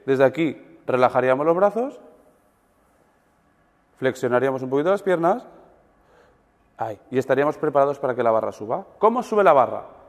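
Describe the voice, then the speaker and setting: A man coaching a weightlifting seminar group, animated and demonstrative, checking in with his listeners after almost every point. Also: medium pitch, brisk, long pauses. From Spain. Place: large gym hall. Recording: long gym reverb.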